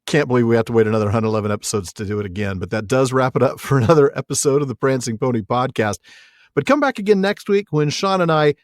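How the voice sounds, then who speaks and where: A podcast co-host talks fast in a medium-pitched, animated voice with no echo. He's jokey and laughs often while speaking, shifting between banter and a sign-off.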